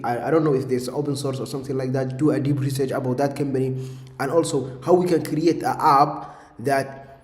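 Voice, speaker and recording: A man's voice: medium pitch, darkish tone. A man streaming a live coding session, talking his instructions to an AI assistant in a rambling way, with many fillers. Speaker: streamer building AI automations. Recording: echoey room with long reverb.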